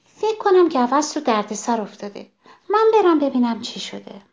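A woman voicing a frantic little bird in a children's story, calling out high and urgent. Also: a little mellow, highs cut off, natural voice. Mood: worried. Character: frantic little bird who flies and pecks.

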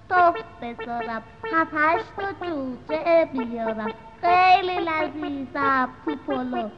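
A busy, proud hen clucks and sings her lesson in a storybook, as a woman voices her. Her high voice has a dull, muffled quality, with music clearly behind. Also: lightly acted. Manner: clucking, sing-song. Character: bustling motherly hen, proud homemaker.

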